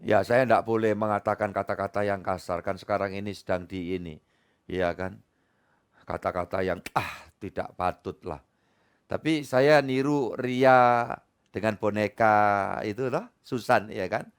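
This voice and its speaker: A man preaching a Bible study sermon to a church congregation, emphatic and humorous, swinging between soft asides and loud climaxes. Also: on the low side, measured pace, clean tone. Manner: humorous, addresses the congregation directly. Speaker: pastor. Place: church service.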